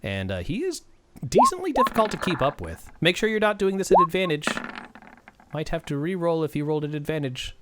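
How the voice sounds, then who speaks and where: Lively man running a tabletop game. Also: a little high, fairly quick, heavy background noise. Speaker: game master and stream host. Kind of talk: casual tabletop game narration.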